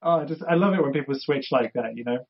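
A man's voice: medium pitch, fast talker, husky. A man with a British accent asking interview questions in a friendly, chatty way. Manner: friendly, chatty, laughs along. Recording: muffled lo-fi audio.

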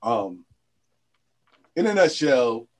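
A man's voice: mid-range voice, very animated, very slow, a little mellow, rough recording. A man co-hosting a casual sports podcast, talking in a laid-back, rambling way full of "like" and "you know". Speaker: podcast co-host.

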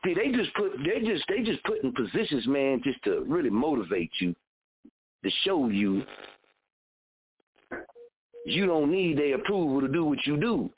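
A man's voice: a little high, sing-song, normal speed, long pauses, a little hiss or hum. A man in his thirties hosting a radio show, giving a blunt, fired-up motivational talk full of repetition and cursing. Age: 30s. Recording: phone-like narrow audio.

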